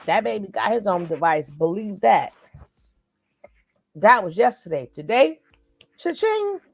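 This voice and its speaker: A woman's voice: mid-range voice, big pitch swings, unhurried, vocal fry, no room sound, rough recording. A woman hosting a live reaction stream, talking emphatically and repeating her points like a lecture. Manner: emphatic, preachy, repeats phrases for effect. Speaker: commentary host.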